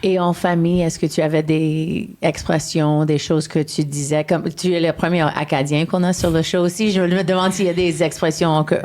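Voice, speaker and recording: A woman's voice: deep voice, flat delivery, moderate pace, hardly any pauses, a little mellow. A woman hosting a podcast, asking casual follow-up questions and switching between French and English. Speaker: podcast host. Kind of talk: casual interview.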